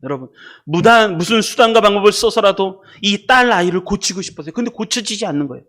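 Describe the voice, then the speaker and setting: High-pitched, lively Korean pastor preaching. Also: male voice, fast. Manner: passionate preaching, asks the congregation questions and leads call-and-response. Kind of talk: sermon. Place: church sanctuary.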